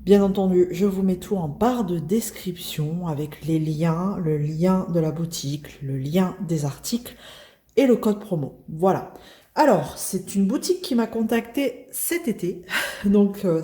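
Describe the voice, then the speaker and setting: Chatty french woman doing an unboxing, kinda low mellow voice, lots of euh. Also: unhurried. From northern France. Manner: chatty, self-deprecating, many fillers. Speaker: craft video host. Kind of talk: casual unboxing chat.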